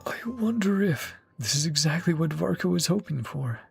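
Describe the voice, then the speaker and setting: A young adult woman with an extremely deep, gravelly voice chats through a game reaction. She hums along and reads lines aloud with a lively, swooping pitch. Game music plays clearly under her. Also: normal speed. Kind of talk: casual reaction commentary. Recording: game music playing behind.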